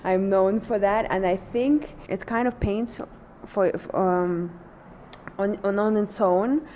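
A middle-aged woman from Lithuania with a Russian accent, talking in a casual interview in a halting way, with many fillers. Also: medium pitch, dark tone. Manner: hesitant, halting phrasing with fillers. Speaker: painter, interview guest. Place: large old building studio. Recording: dull lo-fi sound with faint noise.

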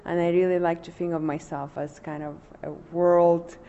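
A middle-aged woman with a Russian accent speaks in a low-ish voice as an interview guest. She talks in a halting, searching way and fills her pauses. The sound is dull and lo-fi, with a faint hiss behind her. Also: level tone, mellow. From Lithuania. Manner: hesitant, halting phrasing with fillers. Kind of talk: casual interview. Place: large old building studio.

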